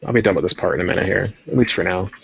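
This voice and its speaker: A man's voice: low-pitched, racing, gravelly, husky. A man hosting a casual livestream, chatting in a rambling way while he paints a model. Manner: rambling, chatty, self-interrupting. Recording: dull lo-fi stream audio.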